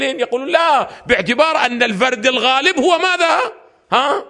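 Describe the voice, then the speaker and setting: High-voiced man lecturing. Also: creaky, a bit bright. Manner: asks his listeners rhetorical questions and answers them himself. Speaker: religious scholar lecturing. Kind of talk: classroom lecture on legal theory.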